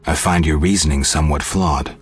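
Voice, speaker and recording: The fantasy game's stoic monster-hunting man sounds skeptical here, his extremely low, gruff voice moving briskly. It's video game voice acting, with short, sardonic, deadpan lines. Music runs beneath him.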